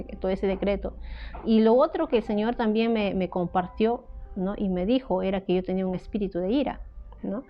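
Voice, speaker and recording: A woman with a Peruvian Spanish accent delivers a heartfelt sermon testimony at a mid pitch. She talks slowly and haltingly, often checking in with a questioning "right?". The audio is dull and lo-fi, with soft music underneath. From Peru. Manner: earnest, slow and halting, often asking "¿no?". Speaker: ministry speaker.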